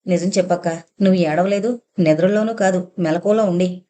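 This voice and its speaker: A woman reading the lines of an earnest, gentle young man in an audio novel, in a coaxing way. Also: fairly low pitch, moderate pace, lightly acted. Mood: pleading.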